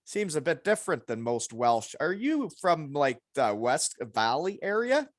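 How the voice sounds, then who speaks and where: A middle-aged man hosts a podcast in a lively, swooping voice pitched a little high. He chats informally and bluntly, encouraging his guest, with a close, dry sound. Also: unhurried, no room sound. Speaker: podcast host, former hockey player. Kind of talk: casual chat.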